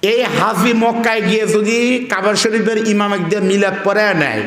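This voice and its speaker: High-voiced preacher from Bogura, echoing. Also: male voice, normal speed, a bit bright. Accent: Bogura Bengali. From Bogura, Bangladesh. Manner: fervent, drops into quoted dialogue and rural dialect. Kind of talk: open-air sermon. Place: large outdoor religious gathering. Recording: echoey outdoor PA with long reverb.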